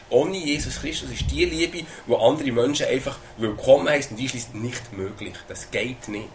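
An earnest man preaching a sermon in a Swiss German accent. He has a mid-pitched voice, repeats words as he searches for them and checks in with the listeners. A faint noise sits under the recording.

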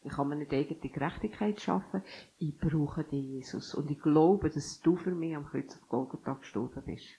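A woman's voice: deep voice, fairly quick, few pauses, dark tone, breathy edge, rough recording. A woman preaching a sermon who reads scripture and urges listeners, with sudden emphatic bursts.

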